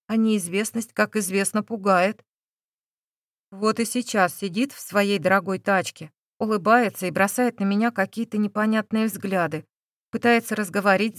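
A woman's voice: mid-range voice, no room sound, studio quality. Woman reading a first-person audiobook. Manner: wry, confiding storytelling. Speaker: audiobook narrator.

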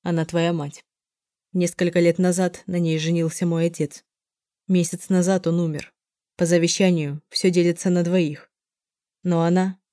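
Woman doing a young guy, quiet and urgent, lower and softer voice, audiobook. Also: little pitch movement, normal speed, no room sound, studio quality, lightly acted. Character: young man, tense protective friend.

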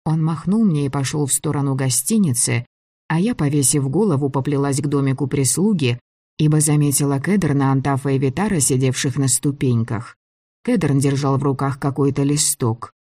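Male audiobook narrator, measured and even, mid pitch, dry close sound. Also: dry recording. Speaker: audiobook reader. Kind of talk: first-person audiobook narration.

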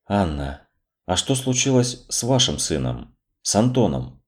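A composed adoptive mother in an audiobook story, speaking quietly, low and measured, wary of being deceived, as a male narrator puts her on. Her tone stays cool and controlled. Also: sing-song. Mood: probing.

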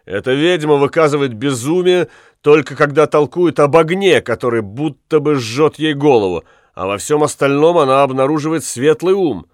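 A man reading an audiobook, voicing a sober town elder who speaks in a measured, reasoning way. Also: fairly high pitch, lively intonation, dry recording, clean studio sound, natural voice.

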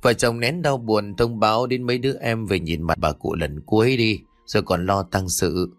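A man's voice: lowish voice, moderate pace, dry recording, soft background music, lightly acted. A man voicing a kindly elderly village woman who consoles the grieving son. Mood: consoling.

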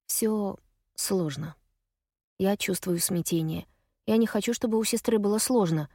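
A woman narrating a novel in the first person, with an expressive, reflective delivery. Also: medium pitch, a little fast, no echo, clean studio sound. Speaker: audiobook narrator.

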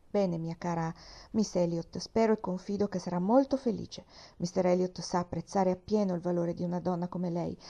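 A woman reading the part of Mrs Smith, a shrewd, knowing widow who speaks in a confiding, gently teasing way. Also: fairly low pitch, gravelly, muffled recording.

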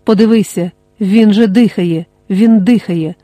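An audiobook reader voicing a desperate young man who mutters tense, halting words to himself, in a dry, close recording. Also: high-pitched, steady tone, dark tone, dry recording, soft background music. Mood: urgent.

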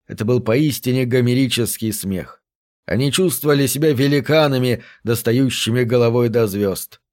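A man reading a science fiction story aloud as narrator, steady and measured. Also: medium pitch. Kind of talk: audiobook narration.

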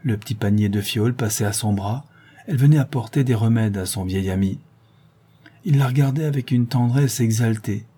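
A man reading a classic novella aloud as narrator in a measured, literary way. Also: medium pitch, dark tone, breathy edge.

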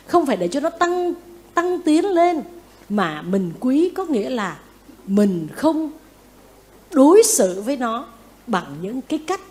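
A Buddhist nun giving a lively dharma talk, often asking her listeners questions and acting out what people say. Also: high voice. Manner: lively, asks the audience questions, acts out quotes. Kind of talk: sermon.

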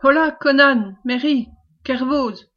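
A woman's voice: on the high side, steady tone, moderate pace, lo-fi sound, close to an everyday voice. A woman voicing a jovial male knight with a round, good-natured voice, teasing and laughing. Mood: commanding.

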